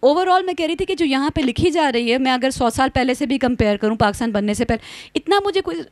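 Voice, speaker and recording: A woman's voice: high voice, animated, dry recording. A woman moderating a panel conversation, fluent and often switching into English phrases. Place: outdoor university courtyard event.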